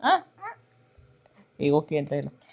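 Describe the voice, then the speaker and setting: A woman's voice: low voice, little pitch movement, takes it slowly, vocal fry, warm tone, husky. A woman vlogging at home as a mother, playfully teasing and coaxing her little daughter. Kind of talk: casual family vlog chat.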